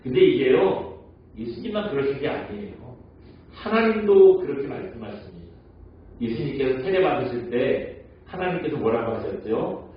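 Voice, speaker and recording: A man preaching a Sunday sermon as pastor. He tells stories, asks the congregation questions and acts out quoted lines in a softer, slower voice. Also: mid-range voice, very animated, a little hiss or hum. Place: church sanctuary. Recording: echoey church hall, mic at a distance, dull sound.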